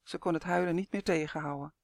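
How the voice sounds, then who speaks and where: A man reading a children's storybook aloud in a steady, gentle way. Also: on the high side, fast, creaky, dry recording, studio quality. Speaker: narrator. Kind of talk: storybook narration.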